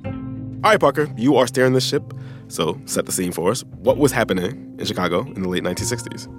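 A man's voice: fairly low pitch, lively intonation, fairly quick, over music. A man hosting a podcast in an informal, slangy, conversational way. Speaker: podcast host.

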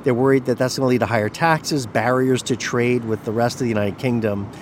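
A man working as a radio correspondent, explaining a story in a relaxed back-and-forth with small restarts. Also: mid-range voice, fairly quick, a little hiss or hum. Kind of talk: reported news conversation.

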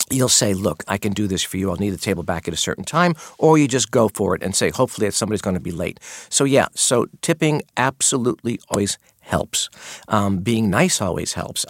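A man's voice: lowish voice, no echo, clean studio sound. A middle-aged man who worked as a maitre d', answering interview questions with earnest storytelling. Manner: earnest storytelling, quotes guests in his retelling.

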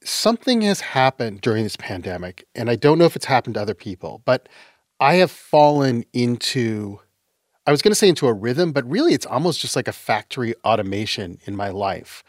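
A man's voice: mid-range voice, big pitch swings, fairly quick, no room sound. Dry, matter-of-fact man in casual chat. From Canada, raised in Utah. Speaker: podcast co-host.

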